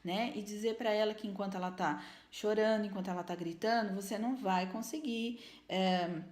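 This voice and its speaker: A woman's voice: medium pitch, steady tone, moderate pace, a little mellow, roomy sound. A woman gives earnest, explanatory parenting advice to camera, often checking in with little tag questions. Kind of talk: casual advice talk to camera.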